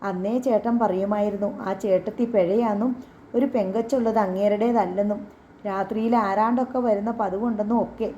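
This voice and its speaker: A woman's voice: medium pitch, steady tone, moderate pace, mellow, lo-fi sound, a little hiss or hum, natural voice. A woman voicing a humble village man who tells tales deferentially to a police officer. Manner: deferential, gossipy.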